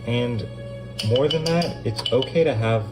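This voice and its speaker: A woman doing a disguised deep voice as a gentle, reassuring dad, giving soft, comforting advice in a short video. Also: unhurried. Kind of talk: short social media video monologue. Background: music.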